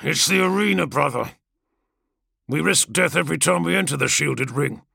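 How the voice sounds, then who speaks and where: A man's voice: a little high, animated, moderate pace, creaky, breathy edge, dry recording, studio quality, heavily acted. A man voicing a brash, mocking male superhuman gladiator who taunts with sarcasm. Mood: brash taunting. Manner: taunting, sarcastic, rising to shouts.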